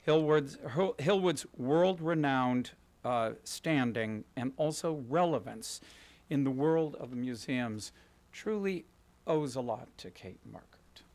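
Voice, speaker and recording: A man's voice: medium pitch, lively intonation, slow, a little mellow. A middle-aged man from Kansas City giving a prepared talk at a podium in an event hall, gracious and self-deprecating, telling stories in a polished way. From Kansas City, USA. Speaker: guest speaker, interior designer. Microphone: podium microphone.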